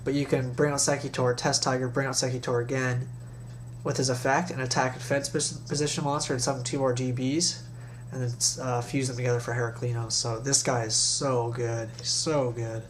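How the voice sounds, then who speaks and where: Young guy w a stuffed up nose after nose surgery, mid pitch, slangy casual card deck chat, bit of hum on webcam mic. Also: level tone, fairly quick. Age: young adult. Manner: slangy, informal. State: recovering from recent nose surgery. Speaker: card game video host. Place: small bedroom, indoors. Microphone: webcam or laptop mic at desk distance. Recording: noisy webcam recording with hum.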